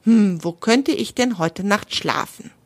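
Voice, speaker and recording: A woman's voice: mid-range voice, takes it slowly, natural voice. Woman doing a little squirrel guy from a kids story, cheeky, muttering to himself. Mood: musing. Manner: musing to himself. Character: small male squirrel, cheeky and greedy.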